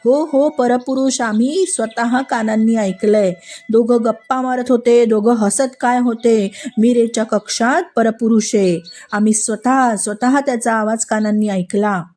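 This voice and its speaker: Scheming palace maids tattle in an excited, urgent rush, as a woman storyteller puts them on. The voice sits a little high with a dark, mellow tone over faint music. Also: takes it slowly.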